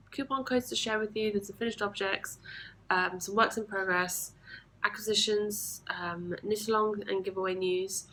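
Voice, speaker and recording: Recorded on a camera mic with poor audio and slight background noise, a medium-pitched woman hosts a knitting video podcast at home. She chats casually with frequent ums and soft asides, slightly sniffly from allergies.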